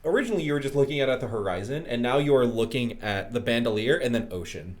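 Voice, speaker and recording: A man narrating as game master of a tabletop game, descriptive and quick to laugh, with many fillers. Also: mid-range voice, lively intonation.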